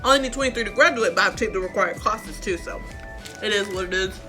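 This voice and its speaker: Speaking fast in a mid-range voice, a teenage girl rambles casually about her school grades and credits while mocking herself. It's a vlog with light background music.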